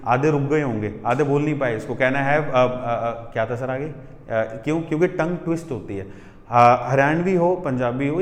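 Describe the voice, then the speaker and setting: Echoey, chatty Indian English teacher man. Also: a little high. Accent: Haryanvi-Punjabi Indian English. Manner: chatty, addresses students directly, mixes Hindi and English. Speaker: IELTS coaching teacher. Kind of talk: Hindi-English classroom-style lecture. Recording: echoey room with long reverb.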